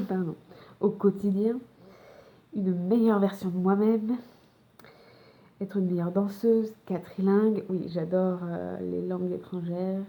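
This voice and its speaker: This French vlogger, a young woman from France with a French accent, speaks at a slow pace in a steady, slightly mellow, medium-pitched voice, pausing often. Filming at home in Montreal, she gives a casual personal talk to camera, full of fillers and false starts.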